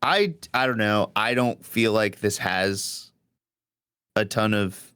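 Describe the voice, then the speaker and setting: A man's voice: lowish voice, slow pace, bright, forceful tone, clean tone, no room sound. A young man co-hosting a casual music podcast, rambling and filling his talk with "like". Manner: rambling, heavy use of "like", frequent laughs. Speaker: podcast co-host.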